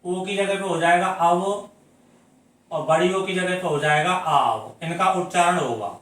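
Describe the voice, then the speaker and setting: High-voiced teacher in a very echoey room. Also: male voice, fairly bright tone, far from the mic. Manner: explains step by step, asking questions and answering them; drawn-out syllable-by-syllable pronunciation of example words. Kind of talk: Hindi grammar lesson. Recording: very echoey room, voice from away from the mic.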